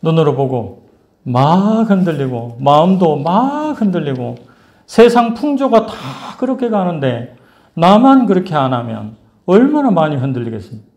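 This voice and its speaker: A male pastor preaching a sermon, telling a story in a lively, playful way. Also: a little high, normal speed.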